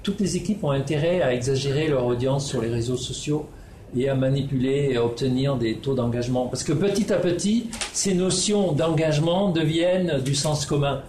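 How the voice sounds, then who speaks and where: This Dutch researcher presents aloud at a moderate pace in a medium-pitched, slightly mellow voice, hesitating often with fillers and restarts. The recording has an echoey room sound, faint ambience and a little background noise.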